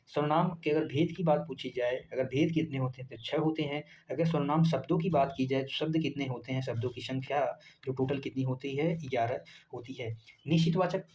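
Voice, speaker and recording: A man's voice: mid-range voice, darkish tone, a little hiss or hum, poor audio. A male teacher running an exam-prep grammar lesson, repeating each point and asking questions that he then answers himself. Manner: repetitive, quizzing the class and answering himself.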